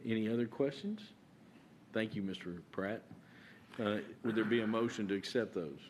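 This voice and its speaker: A man chairing a county court meeting as judge, halting with many fillers and restarts. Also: on the low side, darkish tone, a little hiss or hum.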